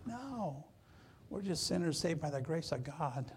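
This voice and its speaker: Husky, expressive and a little high, this Michigan man preaches at a slightly slow pace as pastor, talking casually with his congregation. He tosses them joking asides and tends to repeat words when starting phrases.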